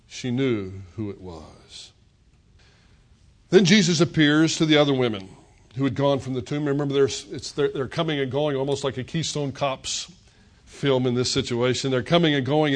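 An older man preaching a sermon, retelling scripture as a story and voicing the characters' words. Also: a little high. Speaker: pastor.

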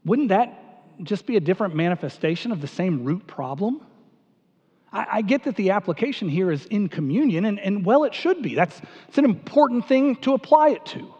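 A man's voice: sits high, lively intonation, fairly quick, mellow, husky. A man preaching a sermon to a congregation, earnest and questioning, often repeating his words as he goes. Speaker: pastor. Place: church sanctuary. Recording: dull sound with a long hall reverb.

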